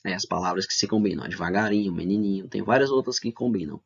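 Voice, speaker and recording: A low-pitched male teacher walks pupils through an online lesson step by step. He asks himself rhetorical questions and keeps checking in with his students. The sound is dull and lo-fi, like a basic computer mic. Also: quick pace, gravelly, slightly rough. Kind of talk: online lesson for middle school.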